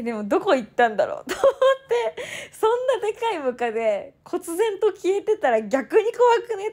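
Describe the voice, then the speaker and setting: A woman's voice: sits high, darkish tone. A young woman in her twenties telling a story in casual chat, acting out other people's lines and laughing often. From Toyama, Japan. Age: 20s. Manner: fast bursts of quoted speech. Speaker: idol turned streamer.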